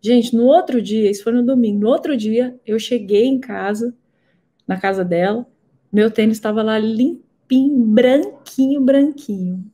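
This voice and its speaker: A woman giving a personal testimony in a talk, an animated storyteller who repeats words for emphasis. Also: a little high, unhurried. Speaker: therapy co-creator and instructor.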